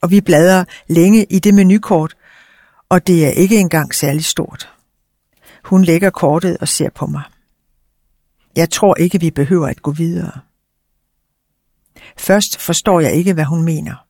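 A man reading a first-person story aloud in a quiet, understated way. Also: on the high side, pauses often, no room sound, studio quality.

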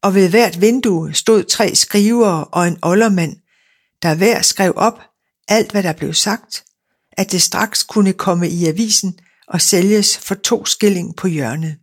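Storybook narrator, fairy-tale reading, steady, measured, middling pitch.

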